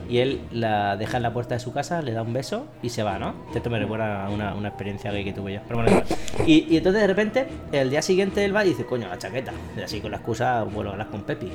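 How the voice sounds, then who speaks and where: A man's voice: mid-range voice, fast talker. Guy, casual podcast chat, laughs a lot, music going behind him. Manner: laughs often, animated storytelling. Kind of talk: casual chat among friends.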